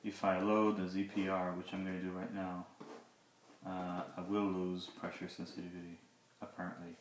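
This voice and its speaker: A man's voice: low voice, monotone, moderate pace. A man giving a casual, unscripted product review, speaking hesitantly and a little awkwardly through a sore mouth after dental surgery. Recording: roomy echo, background hiss and clicks.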